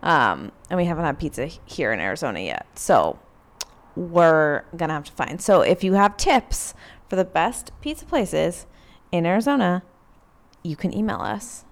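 An American woman with a standard American accent and a slightly low voice. She talks casually as a podcast co-host, dry and teasing in her delivery. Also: big pitch swings, moderate pace.

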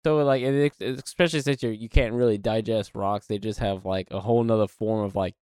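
A man's voice: fairly low pitch, steady tone, a little fast, a little mellow, smooth, no room sound, studio quality. A man co-hosting a podcast, cracking goofy, crude jokes in casual banter. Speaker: podcast co-host.

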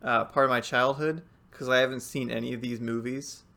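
A young man talking over a call in a relaxed, easygoing way, his voice at an ordinary middle pitch. He often sounds unsure of himself and lets his sentences trail off. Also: fairly quick, gravelly. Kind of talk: casual chat. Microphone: remote call.

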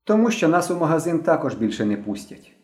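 A man's voice: a little high, sing-song, quick pace, darkish tone, pitched above the performer's own voice. A man voicing a cautious schoolboy in a storybook reading, scolding his friend in an insistent, reproachful way. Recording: roomy echo.

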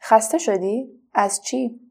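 Woman voicing a shy nervous paper butterfly, quiet hesitant voice, slightly high, children's storybook. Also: creaky, slightly rough. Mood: tender.

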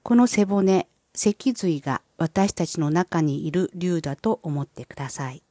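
A woman host reading a scripted wellness explainer with guided visualization, in polite, formal and measured phrasing. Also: on the low side, animated, dark tone, no room sound. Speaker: host of a wellness and spirituality channel.

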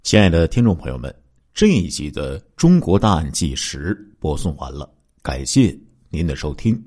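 A man's voice: very deep voice, normal speed. A man narrating a crime story in a dramatic storytelling style, drawing out his phrases with particles. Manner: animated, draws out phrases with 啊 and 呢 particles.

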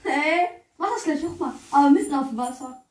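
A woman's voice: high voice, brisk, roomy sound. A young woman co-playing a game, teasing and joking in casual banter. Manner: playful, teasing, joking interjections. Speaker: co-player in gaming video.

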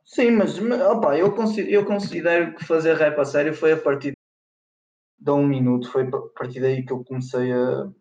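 A man's voice: fairly high pitch, normal speed, a little mellow. A young man from northern Portugal with a European Portuguese accent, talking casually as an interview guest, using slang and some English words. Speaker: rapper being interviewed. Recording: roomy, slightly dull lo-fi sound.

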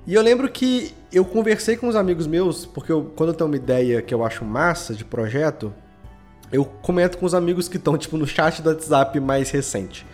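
This audio drama podcast creator, a guest on a podcast, tells anecdotes in a casual, slangy way. He comes from Belo Horizonte, speaks with a Minas Gerais Brazilian accent, and his brisk voice is on the high side with a darkish tone. There's background music.

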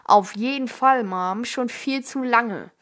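A woman's voice: fairly high pitch, normal speed, lightly acted. A woman doing an eager young boy, Cody. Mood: excited. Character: excitable cheerful younger boy brother.

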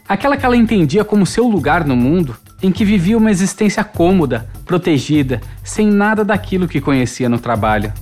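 Expressive audiobook narrator. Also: medium pitch. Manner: measured, expressive literary reading.

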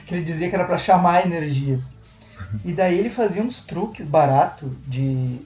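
A man from Brazil co-hosting a casual podcast, telling a long anecdote in a loose, meandering way full of restarts. His tone is warm and mellow, and the room around him sounds noticeably echoey. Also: fairly high pitch. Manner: rambling storyteller, many restarts and tag questions. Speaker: podcast co-host. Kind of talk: casual chat.

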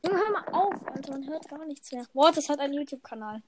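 High, eager female gamer on a noisy mic. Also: fast talker. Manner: eager, whiny, excitable. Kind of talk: casual chat while gaming. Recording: noisy home mic with clicks.

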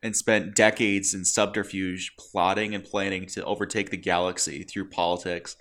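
A man with a fairly low but bright, forward voice tells scenes in a relaxed chat. He gets animated as he goes and laughs between lines. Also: normal speed. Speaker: co-host. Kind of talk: casual chat.

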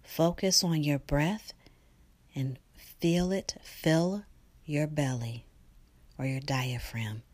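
Very slow, soft-spoken meditation guide woman. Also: low voice, no echo. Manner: soft, slow, partly whispered delivery.

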